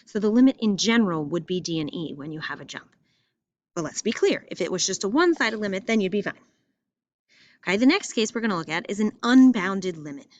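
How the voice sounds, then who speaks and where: A woman teaching a math lesson in a school, talking in a lively, emphatic way and repeating phrases for stress. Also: medium pitch, brisk, dry recording, lo-fi sound. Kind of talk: classroom lesson walking through graphs. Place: school classroom or building with loudspeaker.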